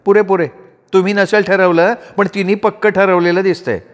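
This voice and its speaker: Guy doing a teasing young sister-in-law, bit higher voice, roomy echo. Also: level tone, normal speed, lightly acted. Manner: playful, teasing. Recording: roomy reverb.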